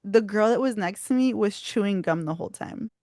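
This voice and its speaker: A young woman co-hosting a casual podcast, telling animated stories, swearing freely and laughing often. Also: medium pitch, fairly quick, no room sound, studio quality. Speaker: podcast co-host. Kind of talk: casual chat.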